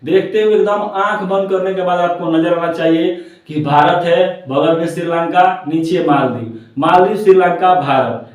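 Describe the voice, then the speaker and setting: A man's voice: high-pitched, moderate pace, recorded from a distance. A man teaching a map-based geography lesson, saying each point twice and chanting lists of country names in a sing-song rhythm. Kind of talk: classroom-style map lesson. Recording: very echoey room, voice from away from the mic.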